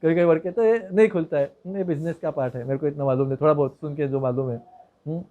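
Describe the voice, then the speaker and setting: High-voiced man telling a devotional story. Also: fast, narrow, tinny audio. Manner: conversational, digressive, with many hmm fillers. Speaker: preacher.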